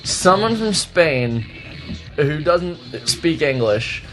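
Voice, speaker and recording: A man's voice: a little high, very animated, very slow, fairly bright tone, poor audio. A young man riffing on a movie as a guest commentator, joking with a sarcastic, profane tone. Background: movie audio and music.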